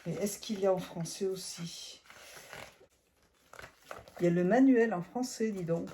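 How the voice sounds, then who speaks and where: A middle-aged woman who is sick and hoarse, chatting hesitantly through a casual product review vlog, filmed on her phone at home. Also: mid-range voice, a little slow, dark tone, slight background noise. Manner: chatty and hesitant, often restarting phrases. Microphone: phone camera.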